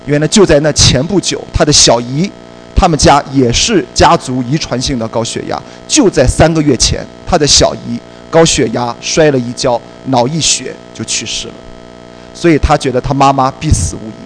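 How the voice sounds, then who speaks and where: A male preacher telling a personal story in a sermon, in a lively storytelling way and slipping English words into his speech. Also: mid-range voice, normal speed, soft background music, poor audio.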